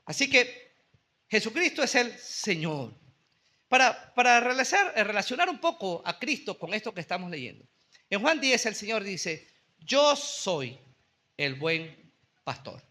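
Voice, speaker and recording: A man pastor preaching a sermon in a church, earnestly slowing down on key phrases for emphasis. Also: extremely high pitch, big pitch swings, bright, forceful tone. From Venezuela.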